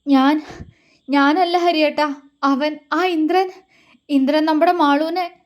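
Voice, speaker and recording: A woman's voice: high voice, steady tone, slow. A woman narrator voicing a distressed young woman in a spoken story, pleading with a breaking voice. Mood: anguished. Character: distressed young woman, breathless and guilt-ridden.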